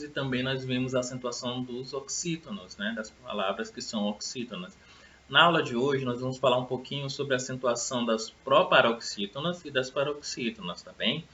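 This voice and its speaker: A man's voice: medium pitch, pushed and bright, slight background noise. A man teaching a recorded grammar lesson to students, friendly and explanatory, often checking in with tag questions. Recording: roomy, slightly dull sound.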